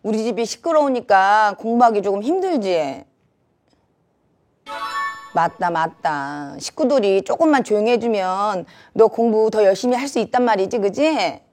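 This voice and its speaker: A woman's voice: mid-range voice, lively intonation, normal speed, darkish tone, soft background music, lightly acted. A woman playing a mother who answers her child's complaint in different ways. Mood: soothing.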